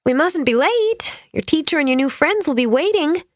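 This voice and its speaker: A woman's voice: high-pitched, expressive, normal speed, no echo, clean studio sound, pitched above the performer's own voice. A woman voicing an anxious young mother who coaxes and urgently hurries a small child. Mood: coaxing. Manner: urgent, coaxing.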